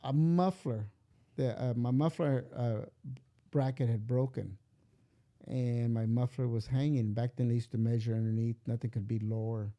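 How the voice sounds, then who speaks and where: A man's voice: medium pitch, fairly even intonation, normal speed, dark tone. An older man telling a long personal story in a casual interview, rambling and acting out the voices in it. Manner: rambling, acts out quoted dialogue. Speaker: father being interviewed.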